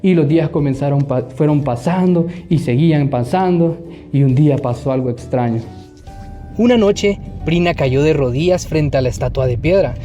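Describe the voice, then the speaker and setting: An animated man tells a Bible story to children and keeps asking them questions. His voice is fairly high but mellow. Faint music plays behind him. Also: normal speed. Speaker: children's Bible school teacher.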